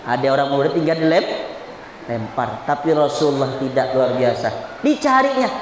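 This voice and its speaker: A woman giving a humorous sermon in a mosque, telling stories with lively acted-out voices. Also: extremely low pitch, moderate pace, a little hiss or hum. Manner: lively storytelling, acts out quoted voices. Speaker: preacher. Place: mosque hall. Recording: echoey hall with faint ambience.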